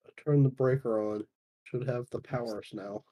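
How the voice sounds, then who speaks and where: A man chatting casually while playing a ghost-hunting game, low-key and trailing off into quiet mumbled asides. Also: steady tone, moderate pace, slightly rough. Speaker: podcast co-host. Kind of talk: casual gaming chat.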